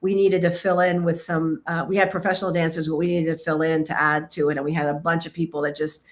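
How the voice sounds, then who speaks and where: A woman's voice: sits low, level tone, fast. A woman filmmaker and author who grew up in Kentucky, answering interview questions in a thoughtful, self-deprecating way, often searching for words. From Kentucky, United States.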